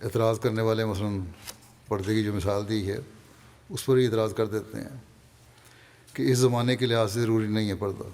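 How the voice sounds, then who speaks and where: A man with a Pakistani Urdu accent delivering a Friday sermon, calmly reading and explaining quoted passages. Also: fairly low pitch, pauses often, big-room sound. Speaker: religious leader giving a Friday sermon.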